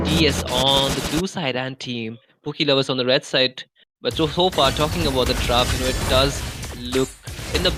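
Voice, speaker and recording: A man commentating a live esports match, analytical and full of "you know". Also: fairly high pitch. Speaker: esports caster.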